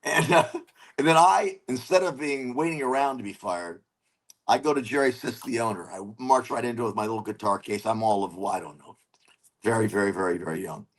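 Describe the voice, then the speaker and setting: A man telling a comedy story in a casual interview, animated and swearing as he acts out his own lines. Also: mid-range voice, a little fast. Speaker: comedian guest.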